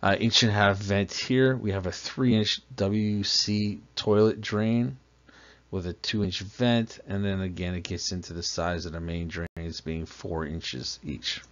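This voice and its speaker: A man whose voice sits low, slightly bright, with fairly even intonation, speaks a little slowly while narrating a slideshow plumbing lesson. He's an instructor who explains patiently step by step and asks the listener questions, captured in a dull lo-fi voice-over.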